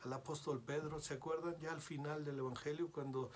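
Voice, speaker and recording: A man preaching a sermon as pastor, swinging from hushed whispers to loud cries and calling out to his listeners as brothers. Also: on the high side, fairly even intonation, a little fast, slight background noise. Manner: repeatedly addresses listeners as brothers.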